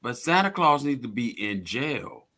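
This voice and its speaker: A man's voice: mid-range voice, big pitch swings, normal speed, sharp tone. A man in casual chat, playful and emphatic, arguing his point and laughing often.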